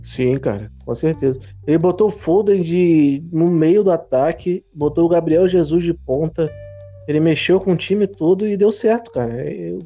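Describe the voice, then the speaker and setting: A man's voice: fairly high pitch, moderate pace, warm tone, faint music behind. A Brazilian man co-hosting a casual football podcast, joking and slangy, heard over a muffled call line. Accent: Brazilian Portuguese. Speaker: podcast co-host. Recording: dull lo-fi call audio.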